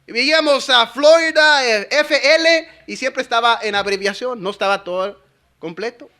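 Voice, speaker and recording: Bright-voiced preacher. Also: male voice, extremely high pitch, moderate pace. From Los Angeles, USA. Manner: lively storytelling, building to fervent shouting. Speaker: pastor. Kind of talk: sermon at a youth conference.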